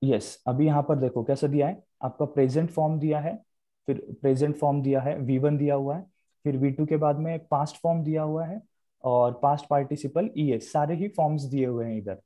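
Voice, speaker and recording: Hindi-speaking male grammar teacher, dark voice. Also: on the high side, steady tone, moderate pace. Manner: explains in Hindi mixed with English, repeats key terms. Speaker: online English grammar teacher. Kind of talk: live online lecture.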